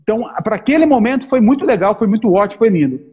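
A man with a fairly high, husky voice co-hosts a casual discussion about theology. He talks emphatically and keeps hammering his points through repetition. The recording sounds a little dull and lo-fi. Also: very fast. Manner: animated, emphatic, repeats points. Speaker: podcast co-host.

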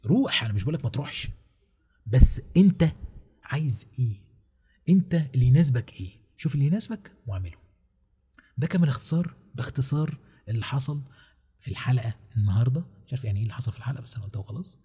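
A man's voice: medium pitch, very animated, racing, pauses often, mellow, slightly rough. A man with an Egyptian Arabic accent, hosting a podcast and giving casual advice in a joking manner, full of rhetorical questions. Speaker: podcast host.

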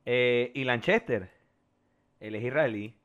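Speaking slowly in a medium-pitched voice, a Venezuelan-accented man co-hosts a podcast, spinning slangy, lively stories in casual conversation. The audio is dull.

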